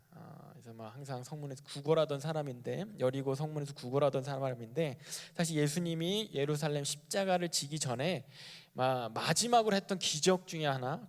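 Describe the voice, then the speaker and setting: A man giving a youth sermon in a conversational way, asking his listeners questions and acting out the people in the story. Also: fairly high pitch. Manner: conversational preaching, asks the congregation questions; acts out quoted characters in lively bursts. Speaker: youth pastor. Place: church sanctuary. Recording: live church stream with long hall reverb.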